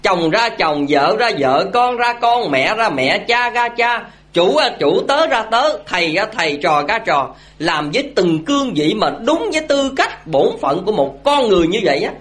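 Lively man giving a talk. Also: high-pitched, normal speed, hardly any pauses. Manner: storytelling, asks the audience questions. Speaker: Buddhist speaker. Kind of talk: dharma talk to an audience.

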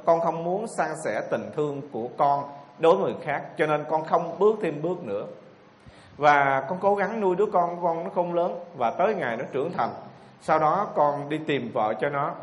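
A man's voice: fairly high pitch, natural voice. A man reading out, in the first person, the plaintive story of a grieving elderly mother-in-law. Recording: echoey hall with faint ambience.

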